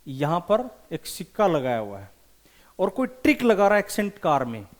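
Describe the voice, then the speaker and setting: A man teaching English vocabulary for competitive exams, animated and repeating key words slowly for emphasis. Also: high voice. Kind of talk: vocabulary lesson with memory tricks.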